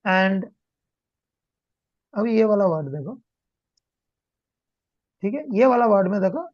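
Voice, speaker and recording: A man's voice: sits high, lively intonation, takes it slowly, dry recording. A man teaching a German demo class over a video call, switching between Hindi and English and often checking that the learner understands. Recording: dull lo-fi call audio.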